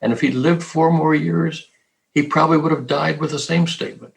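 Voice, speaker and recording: A man's voice: fairly high pitch, fairly even intonation, brisk, creaky, low-quality recording. An older man speaking as a guest in an interview, thoughtful and storytelling, repeating phrases for emphasis. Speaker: guest, co-author and professor. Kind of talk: reflective interview talk.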